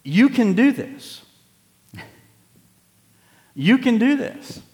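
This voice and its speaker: A man's voice: extremely high pitch, big pitch swings, extremely slow, darkish tone, long reverb tail. A pastor in his late fifties preaching a sermon, moving from conversational reflection to emphatic, rising exhortation. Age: 50s. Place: church sanctuary.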